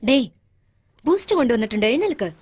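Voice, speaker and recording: A woman's voice: fairly high pitch, very animated, quick pace, a little mellow, breathy edge. An actress voicing an outspoken mother who argues hard for her son against her husband. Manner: argumentative, pleading. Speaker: mother and wife. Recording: film dub with music behind.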